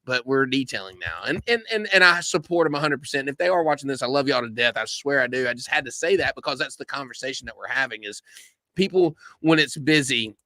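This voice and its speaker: A man co-hosting a live show, telling stories in a rambling, animated way full of fillers. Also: mid-range voice, quick pace, no room sound, clean studio sound. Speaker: podcast co-host. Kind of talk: casual live-stream chat. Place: live-stream studio.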